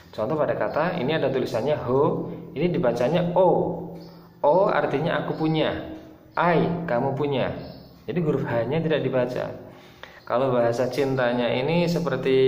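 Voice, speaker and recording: A man teaching an Italian language lesson, spelling out letters and example words slowly and deliberately. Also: mid-range voice, darkish tone, highs cut off. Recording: echoey room with long reverb, faint ambient noise.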